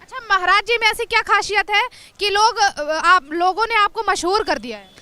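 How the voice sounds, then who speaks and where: A woman's voice: very high voice, normal speed. A woman reporter asking pointed, challenging questions in a street interview. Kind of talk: street vox pop interview. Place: busy city street outdoors. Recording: loud street crowd behind.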